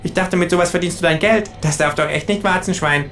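A man's voice: high voice, quick pace, a bit bright, voice pushed up. A man voicing a cheeky, scrounging male kangaroo who twists words slyly in a comic audio story. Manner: twists words, sly and mock-innocent.

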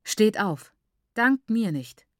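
A woman's voice: mid-range voice, big pitch swings, slow, dry recording. A woman voicing a self-satisfied, paternal uncle who speaks offhandedly. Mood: offhand. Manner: offhand, matter-of-fact. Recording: dry close recording.

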